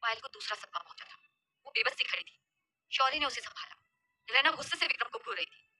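High-voiced woman storyteller, super animated, doing all the characters' lines herself. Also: fast, dry recording. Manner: shifts pitch and loudness to act out each character. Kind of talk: dramatic story narration voicing all characters.

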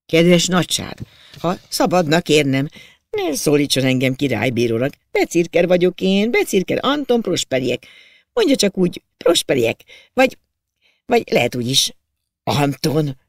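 A man's voice: fairly high pitch, very animated, no room sound, studio quality. A man voicing a timid, self-pitying imperial official from Prague who laments his lot in a storybook reading. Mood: fussy politeness. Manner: plaintive, wistful lamenting.

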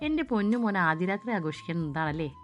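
A woman's voice: fairly low pitch, animated, quick pace, soft background music, lightly acted. A woman voicing a middle-aged father in a storybook reading, teasing his son in a joking way.

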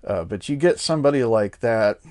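A man's voice: mid-range voice, lively intonation, normal speed, a little mellow, no echo, studio quality. A man hosting a podcast, rambling candidly and sardonically, with lots of fillers and laughing at himself. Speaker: podcast host. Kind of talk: casual monologue.

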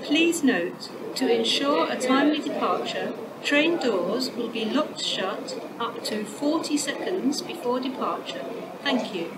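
A woman's recorded station announcement plays over the loudspeakers, captured from far away so the platform speakers echo, and the surrounding station ambience makes it very noisy. Her voice is on the high side and expressive, yet the automated delivery stays measured and formal with clearly spaced words.

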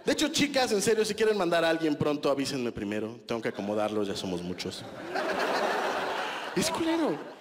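A Mexican man in his 30s delivers stand-up into a handheld mic on a small club stage, conversational and self-mocking with crude slang. His voice sits on the high side with wildly swooping pitch, a brisk pace, and a big-room sound.

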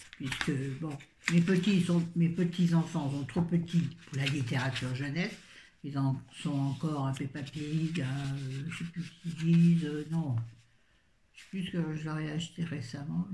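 A woman's voice: low-pitched, darkish tone, echoey room, slight background noise. An older woman reviewing books in a casual, rambling chat full of self-mocking asides. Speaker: book vlogger.

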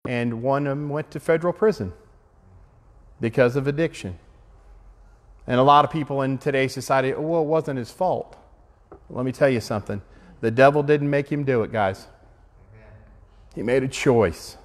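A man's voice: medium pitch, normal speed, long pauses. A man pastor giving an earnest, emotional testimony sermon that rises to fervent exhortation. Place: meeting hall. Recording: long reverb of a meeting hall.

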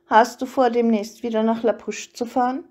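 A woman reading the lines of a calm, tender young male vampire in a storybook audiobook, in a soft, even voice. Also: fairly high pitch, moderate pace, close to an everyday voice. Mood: gentle.

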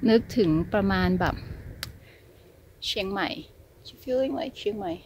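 High-pitched and sing-song, with vocal fry and a slow pace, a woman narrates her hike on a mountain trail for a casual travel vlog. She holds her phone camera at arm's length and chats politely, with many fillers, against slight background noise.

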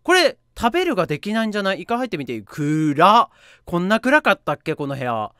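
Female game streamer with a bright, animated voice, soft murmurs broken by sharp squeals, reads the game text aloud, dry close mic. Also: lowish voice, fairly quick, clear, resonant tone, no room sound. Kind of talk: let's play commentary.

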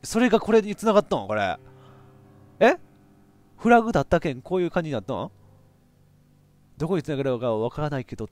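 A man with a giving excitable let's play commentary on a horror game, reacting loudly and laughing often. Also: on the high side, a little fast, long pauses, dry recording. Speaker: VTuber game streamer.

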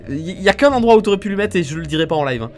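A man streaming a video game live, joking and reacting excitably to it, recorded on a studio streaming mic. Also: high voice, racing. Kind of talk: live gaming stream commentary. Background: game music.

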